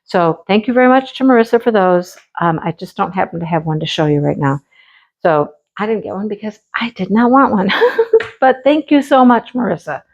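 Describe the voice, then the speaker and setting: Though her voice is going, this Michigan woman keeps up casual show-and-tell chat on her craft channel, often gushing about favorite things. She speaks fairly quickly with an expressive, mid-range voice. The audio sounds dull.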